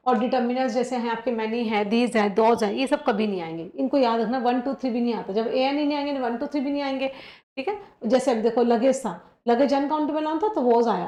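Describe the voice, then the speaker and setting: A woman teaching an exam-prep grammar lesson, explaining step by step and often checking in with her students while she reads example sentences slowly. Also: on the high side, dark tone, echoey room.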